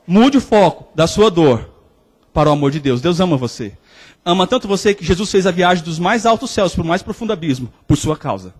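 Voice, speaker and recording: High-voiced man preaching in a hall. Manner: lively storytelling, acts out quotes. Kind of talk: sermon. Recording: long hall reverb.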